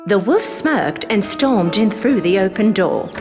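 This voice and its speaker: A woman narrates a scripted children's fairy tale in an expressive, mid-range voice at a measured pace. The recording has long reverb with music clearly audible behind her.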